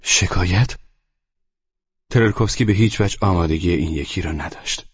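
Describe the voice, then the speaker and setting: Deep, husky male audiobook narrator. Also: no echo. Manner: measured, even storytelling. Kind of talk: scripted literary narration. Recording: muffled lo-fi audio.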